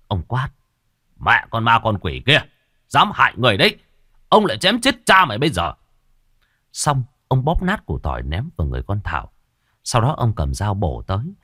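A man narrating a ghost story in the first person, with lively storytelling. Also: fairly low pitch, no room sound, clean studio sound.

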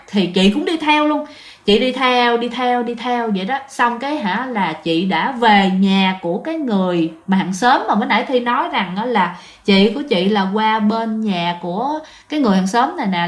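A woman tells a ghost story in a chatty way, often turning to speak straight to her listeners. Her voice sits a little high. The recording carries a noticeable roomy echo. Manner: chatty, addresses listeners directly.

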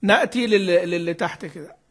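High-voiced man teaching a class. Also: a little fast, fairly bright tone. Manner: prompts students with fill-in questions, repeats key terms. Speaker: Quran recitation teacher. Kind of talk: lecture on Quran reading rules.

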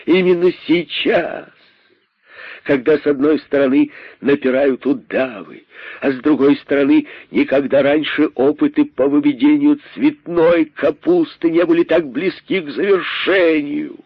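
Angry rabbit king, played by a man, raised commanding voice, husky tone, dry radio sound. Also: on the high side, steady tone, a little slow, no echo, voice pushed up. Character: stern male rabbit king, angry and accusing. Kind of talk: radio story reading. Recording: dull, dry radio recording.

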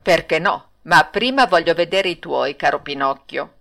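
A woman's voice: low-pitched, expressive, normal speed, vocal fry, fairly bright tone, heavily acted. A woman reader voicing Lucignolo, a naughty boy, in a storybook audiobook, with a raised boyish voice. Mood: teasing.

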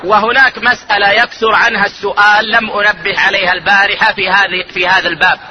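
High, sharp-voiced man teaching religious law. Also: little pitch movement, poor audio. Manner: measured, deliberate, stresses key words slowly. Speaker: Islamic scholar teaching jurisprudence. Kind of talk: religious lesson lecture.

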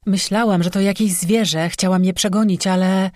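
A man voicing a frightened, quick-tempered young woman in an audiobook, speaking breathlessly and indignantly. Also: medium pitch, steady tone, a little mellow, no echo, clean studio sound, close to an everyday voice. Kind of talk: audiobook character voice.

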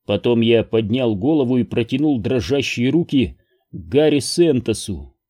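A man reading an audiobook aloud in a slow, measured, even manner. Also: medium pitch, breathy edge. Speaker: audiobook narrator. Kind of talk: scripted narration.

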